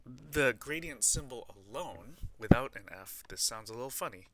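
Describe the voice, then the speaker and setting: Against a crowd in the background and poor audio, a male math teacher lectures at the board in a medium-pitched, expressive voice at normal speed. He talks through the material and reads out the notation bit by bit as he writes.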